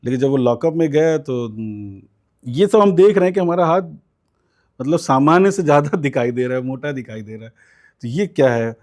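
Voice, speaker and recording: A man with a mellow, dark-toned voice at a middle pitch. He is an interview guest telling a long personal story at an easy pace. He fills pauses with soft hesitations and acts out the voices of people in his story. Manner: recounts events at length with many fillers and quoted voices. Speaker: student politician guest.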